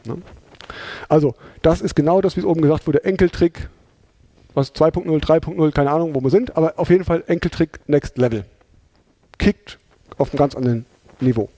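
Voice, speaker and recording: A man's voice: a little high, fairly quick, long pauses, mellow, no room sound. A man presenting a talk in a chatty, informal way, with many fillers and tag questions. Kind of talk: conversational lecture.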